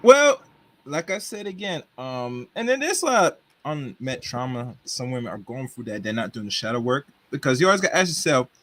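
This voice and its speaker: A man joining a panel discussion over a video call whose audio keeps cutting out, so his speech comes through halting and broken up. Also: medium pitch, very animated, fairly bright tone. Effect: choppy video call audio that keeps cutting out. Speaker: panel guest on a live stream.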